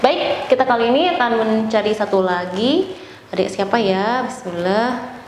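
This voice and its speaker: Echoey, higher-voiced Indonesian woman teacher, over-enunciating. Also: moderate pace. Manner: over-enunciates, stretching and stressing syllables when demonstrating; encouraging. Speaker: Quran recitation teacher. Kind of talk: recitation lesson with feedback and demonstrations. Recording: echoey room with faint background noise.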